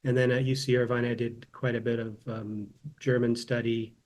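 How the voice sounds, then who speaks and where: Guesting in a casual interview, a fiftysomething philosophy professor from Southern California speaks with thought, often repeating words when he starts over. His mid-range voice has little pitch movement, a darkish tone, and a moderate pace.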